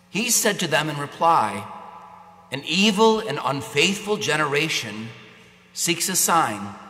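A priest reading the gospel and then preaching a homily at Mass, proclaiming in a measured way before talking plainly with some restarts, his voice carried by a cathedral echo. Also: a little high, sharp tone. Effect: cathedral echo with long reverb. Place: large church. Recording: echoey church with long reverb.

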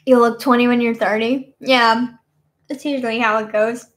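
High-pitched girl in her 20s rambling on a webcam stream in her bedroom, lots of "you know". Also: steady tone, moderate pace, a bit bright. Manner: rambling, many fillers like "you know what I mean". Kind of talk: casual webcam chat. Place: small bedroom, indoors. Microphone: webcam at desk.

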